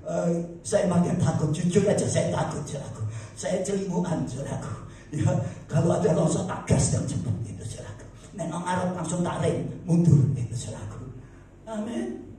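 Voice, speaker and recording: High-voiced pastor preaching in an echoey hall. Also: male voice, recorded from a distance, a little hiss or hum. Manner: dramatic preaching, repeats "saudaraku", acts out shouts. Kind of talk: sermon. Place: church hall.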